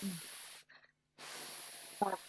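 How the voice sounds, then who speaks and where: A woman's voice: extremely slow, a little mellow. A woman student in a one-on-one pronunciation lesson, carefully repeating single words after her teacher. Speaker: adult student.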